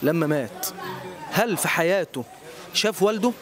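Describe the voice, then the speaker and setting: An Egyptian man hosting a street quiz outdoors, encouraging and quick to praise each answer. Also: sits high, lively intonation, crowd noise. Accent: Egyptian Arabic. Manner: encouraging, repeats praise often.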